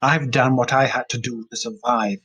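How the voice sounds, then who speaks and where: A man's voice: mid-range voice, fairly even intonation, moderate pace, a bit bright, husky, poor audio. A man voicing a cruel, haughty old aristocratic mother with a sneering manner, in a storybook reading. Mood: cold.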